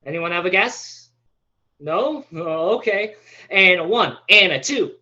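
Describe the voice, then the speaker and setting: A man acts out a floundering young stand-up comic with a high, bright voice. He goes slowly, halting and stammering nervously through the monologue. The sound is slightly dull and lo-fi. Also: animated, heavily acted. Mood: nervous, eager.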